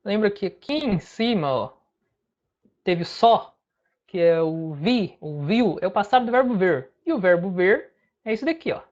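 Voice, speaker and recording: A woman's voice: mid-range voice, lively intonation, measured pace, a little mellow, lo-fi sound. Patient Brazilian woman teaching English. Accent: Brazilian Portuguese. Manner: patient explaining, breaks phrases word by word. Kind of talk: online language lesson.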